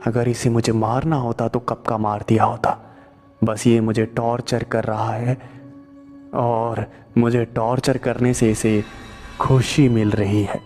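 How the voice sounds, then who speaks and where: A man narrating a first-person horror story in slow, tense storytelling. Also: medium pitch, level tone, darkish tone, faint music behind. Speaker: storyteller narrating as a truck driver.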